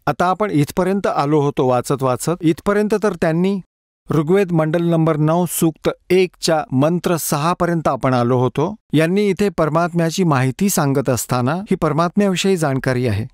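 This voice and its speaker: A man delivers a sermon, working through scripture one verse at a time and slowly repeating the key words. His voice sits a little high for a man. The sound is close and dry. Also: a little mellow, no room sound. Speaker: preacher giving a dubbed sermon.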